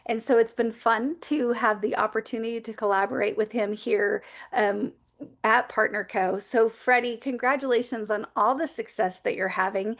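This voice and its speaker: A woman with a slightly higher voice hosts an online video call in a chatty, upbeat way. She talks casually through announcements before bringing on a guest. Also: fairly even intonation, moderate pace. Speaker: host.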